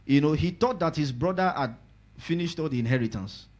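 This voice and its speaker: Man preaching, lively scripture sermon. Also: on the high side, a little fast. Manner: lively, rises loud on key words, asks the congregation to repeat. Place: church service.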